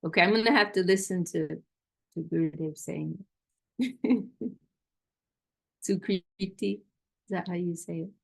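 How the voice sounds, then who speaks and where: A woman with a low, gravelly voice hosts a relaxed question-and-answer session over a video call. She speaks casually, with halting restarts and a self-deprecating tone. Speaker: host of a Q&A session. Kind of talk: casual online discussion.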